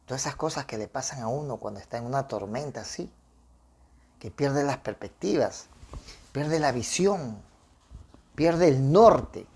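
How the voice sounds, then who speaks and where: A man's voice: medium pitch, husky. A man delivers a short devotional sermon in a conversational tone. He reads scripture and then reflects on it, addressing his listeners directly and often asking them to agree. His phrasing is loose, with restarts along the way. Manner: conversational, with frequent tag questions and restarts. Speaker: preacher. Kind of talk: informal devotional sermon with Bible reading.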